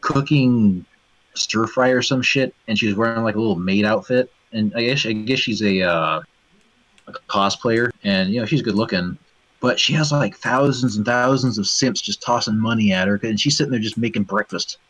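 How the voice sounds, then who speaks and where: A man's voice: lowish voice, normal speed, a bit bright, no room sound, low-quality recording. A man co-hosting a casual stream chat, blunt and ranting, swearing freely. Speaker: stream co-host.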